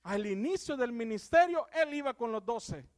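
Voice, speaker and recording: A young male preacher with a Salvadoran accent delivers a fervent sermon in a fairly high voice. He moves between loud, ringing exclamations and quiet, heartfelt passages, as if speaking from a church pulpit. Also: lively intonation, moderate pace. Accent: Salvadoran Spanish. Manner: swings from loud exclamations to hushed, earnest tones.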